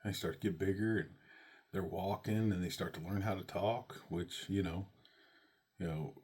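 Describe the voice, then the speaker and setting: Husky low-voiced father telling a story. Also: normal speed. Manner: animated storyteller, voice jumps high on exclamations. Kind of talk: personal storytelling to camera.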